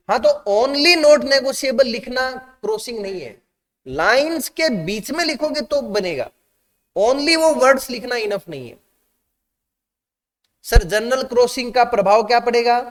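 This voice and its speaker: A man's voice: sits high, long reverb tail. A man teaching a class, asking students questions and mixing Hindi with English terms. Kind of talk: classroom lecture.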